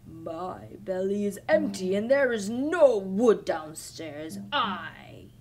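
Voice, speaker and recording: A woman voicing a slow, greedy stove monster. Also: medium pitch, lively intonation. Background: loud guitar music.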